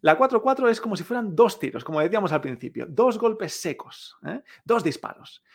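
Lively Spanish-speaking Chinese teacher, gravelly. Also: female voice, mid-range voice. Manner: lively, drills words slowly, frequent tag questions. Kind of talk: podcast lesson.

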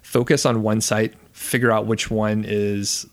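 A man's voice: lowish voice, flat delivery, measured pace. A man hosting his own podcast, talking casually and chattily, sometimes correcting himself mid-sentence. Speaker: podcast host. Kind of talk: solo podcast talk.

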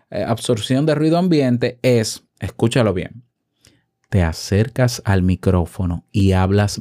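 This man's voice is mellow and on the low side. He hosts a podcast from a home room, chatting through casual tips close to a shotgun mic and asking his listeners questions.

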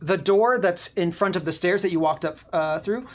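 A woman's voice: fairly low pitch, normal speed. A woman game master improvising narration for a tabletop role-playing game.

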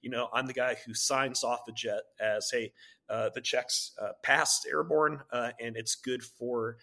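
Speaking at a measured pace with a medium pitch, a thirty-something Navy pilot from Maryland and Virginia shares his background in a relaxed interview. His casual speech includes many fillers and restarts.

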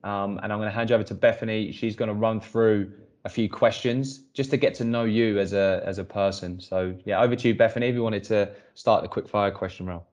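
A man hosting a podcast, handing over to his co-host in a relaxed way with lots of fillers. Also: fairly low pitch, a little fast, hardly any pauses, muffled recording.

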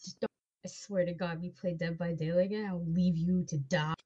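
A woman player in a tabletop game, talking in an animated, emphatic way and swearing freely. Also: on the low side, brisk, husky. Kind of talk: tabletop game play, casual chat. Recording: dull lo-fi sound.

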